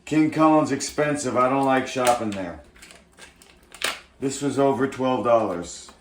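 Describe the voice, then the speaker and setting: A man's voice: mid-range voice, unhurried. A man rambling casually in a morning vlog, his speech slightly thick from a swollen, bitten tongue. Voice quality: slightly thick, impeded articulation. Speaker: vlogger. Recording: roomy echo, faint background noise.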